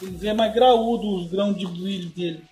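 A man's voice: sits high, normal speed, mellow, echoey room, faint music behind. A man with a Brazilian Portuguese accent, a custom painter, patiently explaining a paint job step by step in a casual way.

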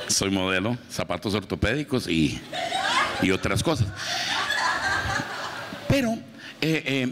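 A man doing a stand-up comedy routine on a club stage, animated, with big swings in pitch for punchlines. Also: a little hiss or hum. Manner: animated, swings pitch for punchlines, shouts when acting out characters.

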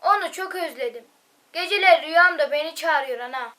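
A woman's voice: high voice, brisk, sharp tone. A female performer playing an earnest patriotic teenage boy, reciting declamatory lines in an amateur school play. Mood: hesitant, longing. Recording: very echoey room.

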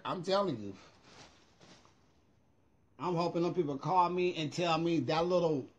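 Husky, high-pitched American man, sassy. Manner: sassy, emphatic, profanity-laced. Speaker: vlogger. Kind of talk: casual livestream chat. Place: small room at home. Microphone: phone at arm's length.

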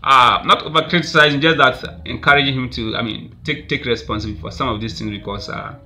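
This vlogger, a Ghanaian man in his thirties, rattles off rambling celebrity gossip into a desk webcam in a small room, with constant "I mean" fillers and plenty of laughter. He talks fast in a medium-pitched, steady, pushed and bright voice.

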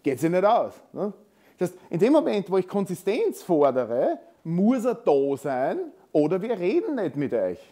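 A man's voice: sits high, wildly swooping pitch, moderate pace, mellow. A man with an Austrian accent giving a technical conference talk in a lecture hall, conversational and full of tag questions. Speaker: conference speaker.

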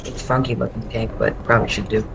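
A man's voice: mid-range voice, level tone, fast, vocal fry, noisy background. A man chatting casually as a co-player, teasing in a playful, clipped way. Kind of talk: casual gameplay chat.

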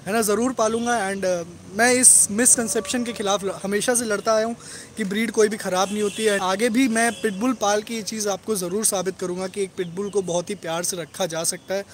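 A high-voiced man runs a laid-back live stream about his dogs from home, surrounded by them. He fires off hellos to commenters and keeps adding "right?" tag questions, with slight background noise.

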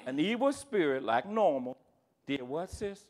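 Man, Bible class teacher, high-pitched, animated, jumps from murmurs to shouts. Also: unhurried. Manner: animated, swings between quiet asides and shouts, joking.

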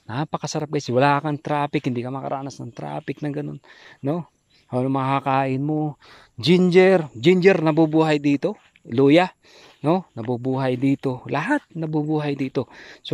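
A man's voice: medium pitch, darkish tone. A man vlogging casually outdoors in the countryside, chatty, often tagging "no?" and "guys". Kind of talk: casual walking vlog.

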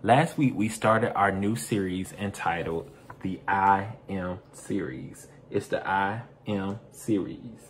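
A man's voice: low-pitched, slow, slight background noise. A man serving as youth minister, leading an upbeat Bible lesson for young people and asking them questions as he teaches. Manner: upbeat, addresses kids directly with call-and-response questions.

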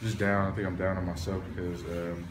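A young man, a college football player, answering postgame questions in a low-key, candid way from a stadium hallway. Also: flat delivery, fairly quick, background noise. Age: young adult. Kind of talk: postgame press interview. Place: hallway of a stadium in front of a sponsor backdrop. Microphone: reporters' recorders held close.

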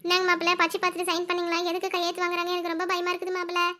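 A woman's voice: flat delivery, rapid-fire, a bit bright. A woman voicing the worried mother of the expectant mother in a family cartoon, pleading in a raised voice. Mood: fretful. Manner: fretful, pleading, higher voice. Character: worried middle-aged mother of the new mother.

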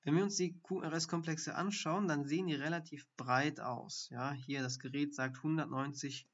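A doctor teaching ECG reading in a live-streamed lesson walks through the findings step by step, thinking aloud with fillers. His voice is fairly high, steady in tone, and moderately paced. The stream audio sounds dull and lo-fi.

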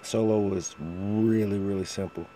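A man's voice: on the low side, steady tone, unhurried, mellow, a little hiss or hum. A man giving a casual walkthrough of a mobile game, with a fan running in the background. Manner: frequent throat clearing. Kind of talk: casual video walkthrough commentary.

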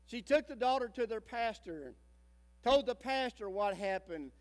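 A man in his sixties, a pastor preaching a sermon, telling a story dramatically and swinging between loud emphasis and hushed tones. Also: very high voice, expressive, moderate pace. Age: 60s. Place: church sanctuary. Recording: long church reverb.

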